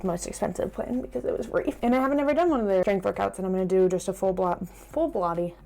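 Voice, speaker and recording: A woman's voice: medium pitch, rapid-fire, gravelly, mellow. A young woman vlogging from home, chatty and self-deprecating, with faint music behind her. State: out of breath. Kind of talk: casual vlog chat. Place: home, indoors.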